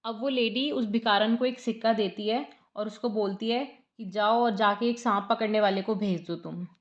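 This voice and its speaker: A woman's voice: medium pitch, fairly even intonation, normal speed, highs cut off. A woman retelling a short story in a chatty, conversational way. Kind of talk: casual story summary narration.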